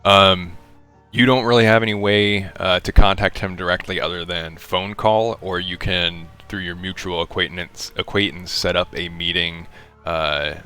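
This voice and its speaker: A deep-voiced man runs a tabletop game as game master in a laid-back, filler-heavy way. His tone is bright and crisp, with soft piano music in the background. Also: steady tone, moderate pace. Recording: faint piano music behind.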